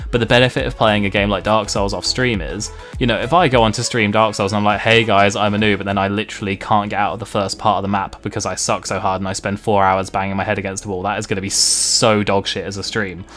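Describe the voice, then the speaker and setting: A man's voice: lowish voice, level tone, fast, few pauses, a bit bright, faint music behind. A man with a slightly nasal English Home Counties accent, talking casually and self-deprecatingly in a streamer's vlog. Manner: self-deprecating, mildly sweary. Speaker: video game streamer.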